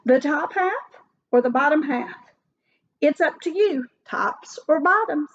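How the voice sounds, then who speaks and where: Lady doing a sly eager hare guy from a kids story, high pitched salesman talk, muffled recording. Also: measured pace. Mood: persuasive. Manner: persuasive, animated. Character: clever, eager male hare, smooth-talking storybook trickster. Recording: dull lo-fi recording.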